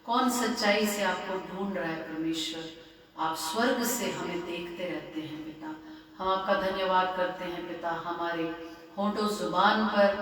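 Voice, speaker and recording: A woman worship leader in slow, fervent spoken prayer, her voice drenched in heavy cave-like echo. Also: lowish voice, fairly bright tone. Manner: slow fervent praying, repeats "Father, God" often. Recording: echoey hall from far off, faint music.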